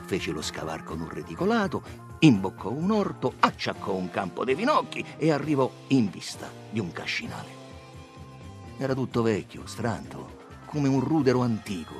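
A man reading a story aloud in a dramatic, expressive way. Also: medium pitch, moderate pace, soft background music. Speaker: narrator.

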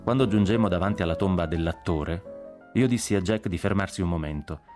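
A man narrating a literary audiobook in a measured, expressive reading. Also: low voice, music in the background.

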